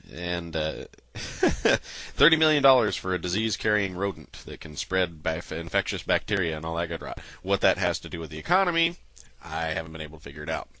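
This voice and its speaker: A man's voice: sits low, pushed and bright, no room sound. An angry man hosting his own political commentary channel, ranting with profanity and sarcasm. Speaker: political commentary video host. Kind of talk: angry political rant to camera.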